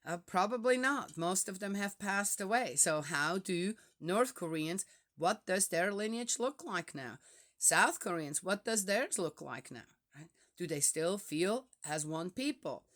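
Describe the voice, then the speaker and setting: Hesitant Swiss German woman, low voice. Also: expressive, measured pace, a bit bright. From Switzerland. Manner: hesitant, many fillers and restarts. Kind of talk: reflective casual talk.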